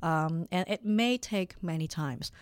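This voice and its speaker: A woman in her forties from Hong Kong talks through an interview as a lawyer guest, pausing often with fillers and restarting her sentences. Her voice sits a little low for a woman and is recorded close and dry, with no room sound around it. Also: dry recording. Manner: hesitant, many fillers and restarts. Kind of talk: conversational interview.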